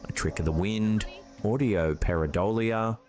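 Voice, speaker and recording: A man's voice: fairly low pitch, a little slow. A man delivering scripted narration in the style of a mystery documentary. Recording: loud music under the narration. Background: loud background music.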